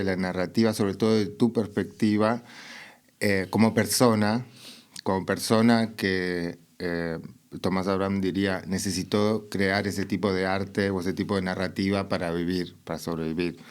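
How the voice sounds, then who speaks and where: Low voiced guy, host, rambles through his questions. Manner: rambling questions with many fillers. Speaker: podcast host. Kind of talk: interview.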